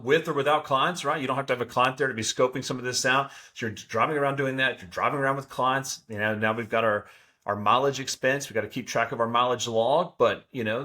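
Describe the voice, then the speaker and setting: A man's voice: mid-range voice, bright, forceful tone. A man explains financial matters on a podcast in an easygoing, conversational way. He talks things through step by step and keeps checking in with the listener. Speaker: podcast co-host, accountant. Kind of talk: casual advice talk.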